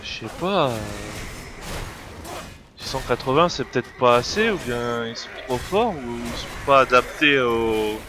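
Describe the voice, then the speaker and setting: Unhurried and lively in intonation, a mid-range male voice offers casual commentary on a game while nursing a cold. He's a gameplay video creator who stumbles along with many fillers and restarts, trying to figure out what's happening, in a noisy home recording.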